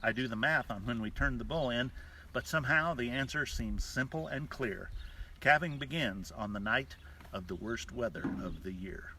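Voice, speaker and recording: A man, a rancher, reciting rhymed cowboy poetry in a measured, sing-song delivery. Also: medium pitch, pushed and bright. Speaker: rancher hosting a live stream from a ranch. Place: outdoors on a cattle ranch. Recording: distant mic outdoors, noisy with bawling cattle. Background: cattle mooing.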